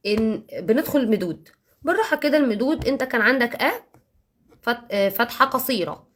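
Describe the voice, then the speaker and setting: A fairly high-voiced woman with an Egyptian Arabic accent talks parents through her teaching method. She is lively and emphatic, repeats words for stress and slows right down when she spells out examples. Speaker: Arabic teacher for young children. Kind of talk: explanatory talk to parents.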